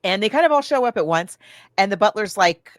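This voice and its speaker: A podcast co-host recaps a film in a casual way, her medium-pitched voice lively and a little quick, with no room sound. She thinks aloud and backtracks as she goes, dropping into offhand quoted asides where she acts out the characters' lines.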